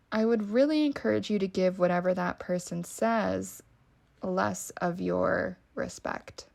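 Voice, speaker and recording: A woman with a gravelly, medium-pitched voice and a Valley Girl accent hosts a solo podcast. Her style is casual and emphatic, full of swearing and frequent use of "like."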